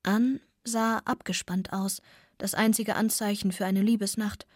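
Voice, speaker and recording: Breathy woman reading a novel softly. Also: medium pitch, fairly even intonation, a little slow, dry recording, clean studio sound. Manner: soft, often drops to a near whisper. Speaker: audiobook narrator. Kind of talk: first-person novel reading.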